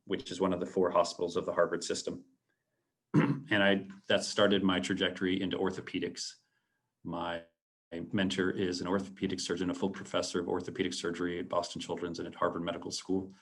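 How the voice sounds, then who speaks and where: A man in his late forties giving a reflective talk to students as an alumnus, earnest and halting, with many ums and restarts. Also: deep voice, a bit bright. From San Antonio, Texas. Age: late 40s. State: a little choked up. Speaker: alumnus guest speaker. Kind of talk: presentation to students.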